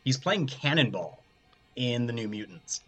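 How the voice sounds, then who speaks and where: Husky man explaining on a podcast. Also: medium pitch, animated, measured pace, a bit bright. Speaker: podcast co-host. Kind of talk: casual podcast chat.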